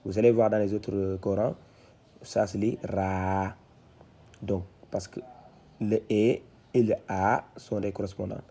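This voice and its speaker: Low, gravelly male teacher from West Africa, slow and flat, drilling syllables one by one. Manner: slow, repetitive, explains then reads syllables aloud louder. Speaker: Quran reading teacher. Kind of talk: syllable-by-syllable reading lesson.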